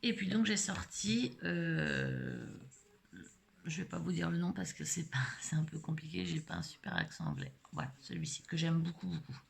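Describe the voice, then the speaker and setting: A woman's voice: lowish voice, moderate pace, creaky, slight background noise. A middle-aged woman casually demonstrating a craft technique live, rambling with many hesitations and fillers. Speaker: scrapbooking vlogger.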